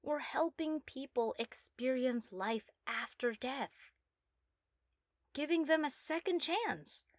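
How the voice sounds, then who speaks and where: A woman voicing a proud, giddy young mad scientist obsessed with her work, theatrical and self-satisfied, in a soft ASMR role-play. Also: high-pitched, lively intonation, slow pace, dry recording, clean studio sound, pitched above the performer's own voice, full character voice. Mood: earnest, fervent.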